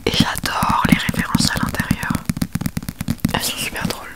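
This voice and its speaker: A young adult woman chatting informally about books in a soft, breathy library whisper for ASMR, hesitant and often trailing off mid-phrase. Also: moderate pace. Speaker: ASMR book reviewer. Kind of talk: whispered ASMR book chat.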